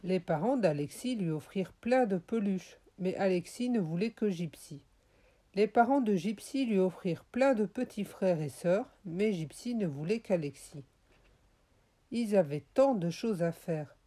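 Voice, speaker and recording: A woman narrates a children's audiobook at a gentle, clear pace. Her tone is mellow and warm, and her voice sits in a middle pitch. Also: animated, unhurried. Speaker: audiobook reader.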